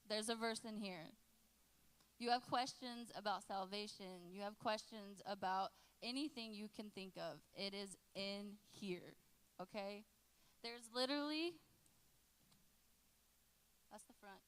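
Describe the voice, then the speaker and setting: A young woman in her late twenties gives a youth group talk. She is relaxed and jokes with the teens. Her voice sits at a middle pitch. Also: unhurried, pauses often, clear, resonant tone, rough recording. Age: 20s. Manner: lively and joking, chatting with teens in the room. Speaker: youth pastor.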